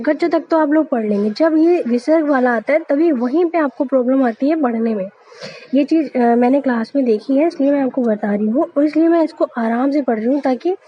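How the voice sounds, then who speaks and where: Patient high-voiced woman teacher. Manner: patient, sounds out words syllable by syllable. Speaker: school teacher. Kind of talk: recorded online class. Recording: dull lo-fi audio with faint noise.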